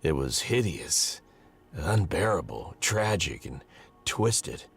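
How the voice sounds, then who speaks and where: A man voicing a sardonic male detective, reading game dialogue aloud in a low, husky voice. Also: very animated, slow, soft background music, heavily acted. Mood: brooding. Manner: hardboiled, sardonic. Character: gruff male detective investigating.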